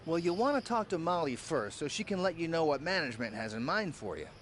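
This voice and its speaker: An older veteran cameraman in a wrestling game, lively voice, calm and patient, explains stuff. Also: a little high, quick pace, slight background noise. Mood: advising. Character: friendly veteran male cameraman, helpful mentor. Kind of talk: video game dialogue.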